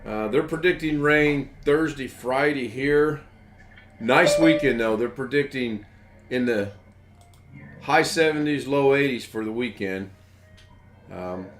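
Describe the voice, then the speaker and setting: A man from the United States hosting a live stream in rambling, casual chat, chuckling as he goes. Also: medium pitch.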